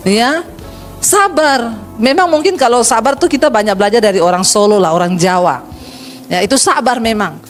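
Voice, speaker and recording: High-pitched, lively woman pastor preaching. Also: moderate pace, faint music behind. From Sulawesi. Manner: lively, humorous preaching, acts out quoted voices, addresses congregation as saudara. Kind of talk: sermon.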